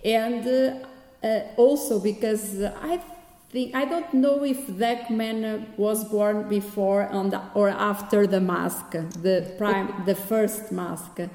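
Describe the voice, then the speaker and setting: A woman with a Portuguese accent giving halting, conversational interview answers as she searches for words. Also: medium pitch, steady tone, dark tone. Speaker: podcast guest, winemaker. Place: echoey room. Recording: echoey, reverberant room.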